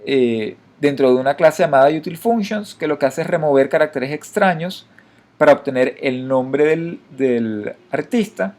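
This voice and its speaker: A man walking through his own code in a screen-recorded programming lesson, talking to viewers directly and pausing on fillers. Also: on the high side, animated, darkish tone. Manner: explanatory, frequent fillers and restarts, addresses viewers directly. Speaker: programming instructor. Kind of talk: screen-recorded coding tutorial.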